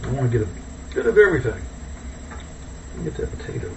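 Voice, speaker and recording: A man's voice: medium pitch, very animated, quick pace, darkish tone. Man, casual cooking talk, easygoing, thinking aloud, dull roomy kitchen sound. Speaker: home cook hosting a cooking video. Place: indoors, kitchen. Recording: distant mic, dull, echoey, noisy room.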